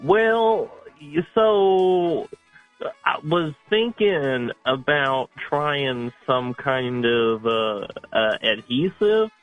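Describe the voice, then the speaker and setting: A man's voice: on the high side, animated, very slow, faint music behind. A man calling in to a show over a phone line, stammering and stopping often with fillers. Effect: heard over a phone line. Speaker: caller.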